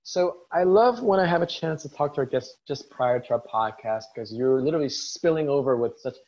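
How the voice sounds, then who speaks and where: A man's voice: a little high, expressive, fairly quick, darkish tone, dull audio. A man hosting a podcast, introducing his guest with upbeat enthusiasm. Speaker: podcast host.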